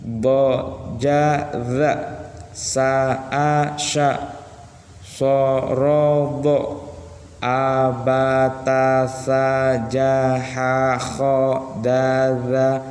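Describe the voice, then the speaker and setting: A man's voice: mid-range voice, monotone, extremely slow, a little mellow. A man teaching Quran reading, over-enunciating each carefully separated syllable in an instructional recitation. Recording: echoey, long reverb.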